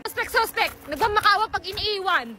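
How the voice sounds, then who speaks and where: Young woman vlogger from the philippines, high playful teasing voice, traffic noise behind. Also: expressive, brisk. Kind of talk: casual teasing chat.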